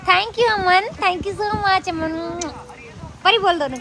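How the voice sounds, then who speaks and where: A woman's voice: very high voice, slow pace, bright, forceful tone. A woman chatting casually on a live stream, greeting and thanking viewers by name and cooing to a small child.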